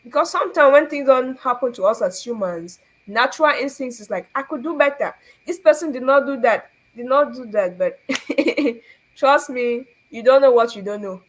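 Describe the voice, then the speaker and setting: A young Cameroonian woman hosts a faith talk, earnest and preachy, posing rhetorical questions and laughing often. Her voice is high at a moderate pace, and the recording quality is low.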